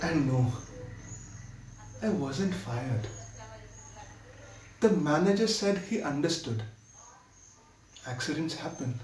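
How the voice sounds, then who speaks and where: A man's voice: on the high side, animated, slow pace, long pauses, darkish tone. A man performing a monologue as a flustered young theater usher on his first night, nervous and stammering as he confesses. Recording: roomy sound from far off.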